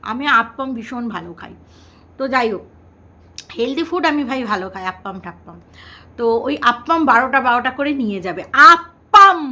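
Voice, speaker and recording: A woman's voice: high voice, bright, forceful tone. A woman vlogger, chatting to her viewers in a teasing way and repeating words in a sing-song. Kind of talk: casual commentary to viewers.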